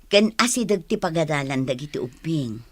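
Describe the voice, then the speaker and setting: In a radio drama, a woman plays a stern, domineering mother of many children, commanding and scolding in a matter-of-fact mood. Her low-pitched voice is expressive and moves at normal speed, with no room sound.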